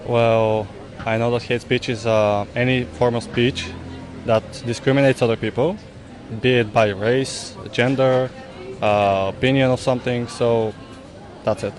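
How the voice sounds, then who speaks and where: Measured, matter-of-fact man. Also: medium pitch, steady tone, faint music behind. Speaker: passer-by interviewee. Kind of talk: street interview answers.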